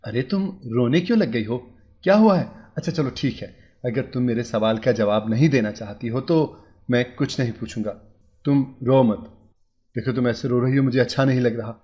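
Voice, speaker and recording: A man voicing a worried, gentle young husband. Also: medium pitch, very animated, normal speed, lightly acted. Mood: coaxing. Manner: anxious musing, soft coaxing. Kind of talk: storybook character voice.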